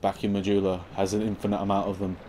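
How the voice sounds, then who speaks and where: A young man giving casual let's-play commentary on his game, sarcastic and swearing, with sudden loud outbursts at the game. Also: low-pitched, completely flat delivery, fast talker, slight background noise. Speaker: gameplay commentator.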